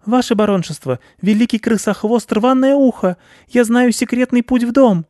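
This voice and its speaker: A man voicing a small, sly male mouse with a squeaky, fawning voice, for a storybook reading. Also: moderate pace, darkish tone, dry recording, clean studio sound.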